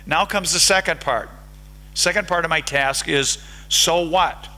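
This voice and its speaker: A man's voice: fairly high pitch, a little slow, sharp tone, low-quality recording. A man with an American accent giving an academic lecture at a conference, engaging the audience by putting questions to them. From United States. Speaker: conference speaker. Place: lecture hall.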